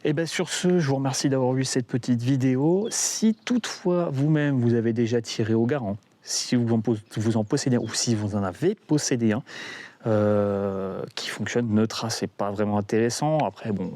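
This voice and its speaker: Relaxed, joking man in casual commentary. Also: mid-range voice. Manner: relaxed, joking, hesitant with fillers. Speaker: gun collector presenting his rifle.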